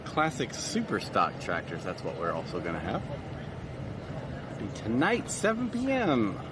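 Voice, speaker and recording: A man's voice: low voice, wildly swooping pitch, a little slow. A man giving folksy live commentary as a tractor pull announcer at an outdoor fairgrounds event. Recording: clear outdoor vehicle noise. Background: vehicles and outdoor ambience.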